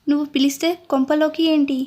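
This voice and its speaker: A woman reading out a loud, stubborn village bride in a storybook, scolding in rustic speech with a high, flat voice. She talks down to everyone. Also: fairly quick, close to an everyday voice.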